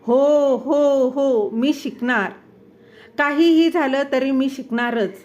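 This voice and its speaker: Storybook voice: a woman reading a shy, stammering housewife, higher-pitched, tearful resolve. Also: expressive, slow pace, dull audio. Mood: tearful shouting. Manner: hesitant, stammering, then shouting through tears. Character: tearful, timid middle-aged housewife.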